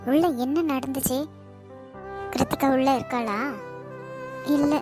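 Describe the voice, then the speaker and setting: A woman's voice: sits high, music in the background. Woman voicing a blunt comforting girlfriend. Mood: brisk. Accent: Kanyakumari Tamil. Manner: brisk, scolding but comforting. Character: blunt caring young female friend. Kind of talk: cartoon voice acting.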